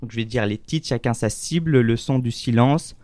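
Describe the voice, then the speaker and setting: A man's voice: mid-range voice, normal speed, a little mellow, no room sound. French radio host man, friendly studio voice. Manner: friendly, introduces guests with small stumbles and laughs. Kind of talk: radio talk show hosting.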